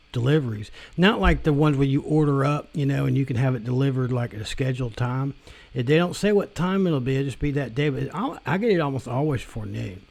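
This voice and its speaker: A man's voice: mid-range voice, vocal fry, a little mellow. Rambling, profane man ranting. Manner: rambling, profane, repeats and restarts himself. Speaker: vlogger. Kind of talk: casual rant.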